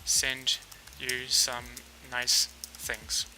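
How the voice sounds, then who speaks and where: A New Zealand man with a medium-pitched voice and a New Zealand accent hosts a casual live coding stream, talking extremely slowly. He stays relaxed, thinking aloud with lots of fillers as he works, on a low-quality recording with a little hiss or hum.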